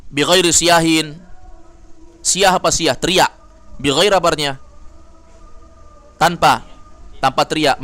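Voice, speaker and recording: A man's voice: fairly high pitch, sharp tone. Indonesian man teaching Arabic grammar. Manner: explains and quizzes students, mixing Arabic terms. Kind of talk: classroom lesson. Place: study hall with students.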